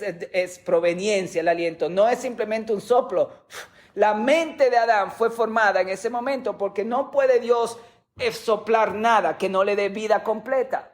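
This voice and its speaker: A man's voice: high voice, unhurried. A man preaching a sermon as a pastor, teaching with rhetorical questions and sometimes repeating words as he goes.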